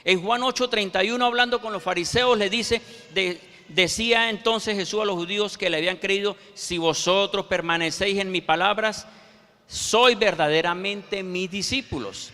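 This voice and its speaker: A man preaching a sermon, quoting scripture verses with slow, emphatic pauses. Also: high voice, pushed and bright. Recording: reverberant hall.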